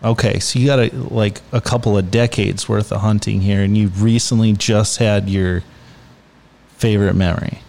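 A man's voice: fairly low pitch, steady tone, moderate pace, vocal fry, a little mellow. A man hosting a podcast, chatting casually and prompting his guest. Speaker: podcast host. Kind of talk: casual interview chat.

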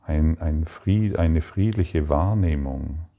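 A man giving a calm, meditative spiritual talk, speaking slowly and soothingly with long pauses. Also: very deep voice, lo-fi sound. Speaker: spiritual teacher.

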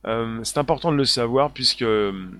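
A man's voice: mid-range voice, moderate pace, fairly bright tone. A man hosting a live stream, talking emphatically and repeating himself, with many fillers as he reads out viewer comments. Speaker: livestream host.

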